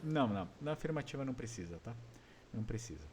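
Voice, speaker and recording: A man's voice: medium pitch, big pitch swings, quick pace, darkish tone, a little hiss or hum. A man with a Brazilian Portuguese accent teaching an online class, patiently explaining step by step and quizzing his students. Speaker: language teacher.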